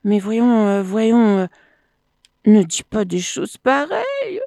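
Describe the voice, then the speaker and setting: A woman's voice: high-pitched, very animated, a little slow, no room sound, clean studio sound, voice pushed up. A woman voicing a gullible male crocodile in a storybook, coaxing and pleading with a friend. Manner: wheedling and coaxing.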